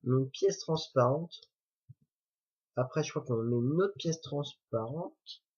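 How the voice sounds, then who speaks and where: A man's voice: mid-range voice, expressive, a little slow, darkish tone, husky. A man reviewing a toy set in a chatty, jokey way, correcting himself as he goes. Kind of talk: casual building commentary. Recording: dull lo-fi recording.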